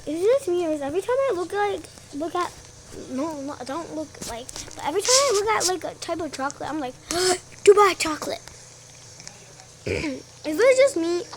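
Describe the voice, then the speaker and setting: A young girl with a squeaky chipmunk-like voice giving excitable, slangy, casual gameplay commentary. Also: a little fast, background noise. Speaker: gamer recording gameplay. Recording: loud music over the voice. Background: loud music.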